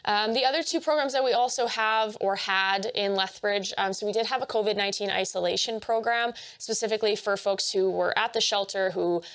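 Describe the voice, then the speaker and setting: A young woman gives a training presentation at a medium pitch. She talks quickly with frequent fillers and restarts, and her voice carries a gravelly vocal fry. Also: a bit bright.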